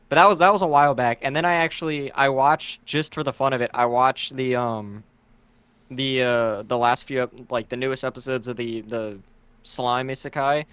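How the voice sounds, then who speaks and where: A man's voice: medium pitch, a bit bright, clear, resonant tone. A man co-hosting a podcast in casual chat, rambling and searching for words as he talks. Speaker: podcast co-host.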